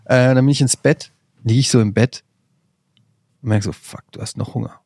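A man's voice: mid-range voice, steady tone, moderate pace, gravelly, a little mellow, dry recording. A man hosting a podcast in casual chat, joking and mocking himself. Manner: joking, self-mocking banter. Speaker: podcast host.

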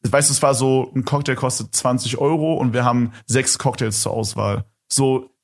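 Young guy podcast host rambling through a story, lots of slang and "like", normal pitch. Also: steady tone, moderate pace, creaky. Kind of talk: casual storytelling chat.

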